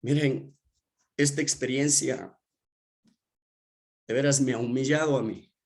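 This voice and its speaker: A male pastor giving an emotional testimony in a sermon, speaking slowly and earnestly to the congregation. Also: medium pitch, fairly even intonation, darkish tone. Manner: slow, earnest, emotional preaching.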